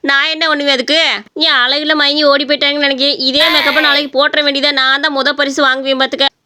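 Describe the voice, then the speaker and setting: A vain cartoon woman, voiced by a woman boasts about her looks. Her voice is bright and high, and she talks fast. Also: flat delivery. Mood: boastful. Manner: boastful, fussy. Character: vain woman in heavy makeup, self-pleased. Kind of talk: cartoon voice acting.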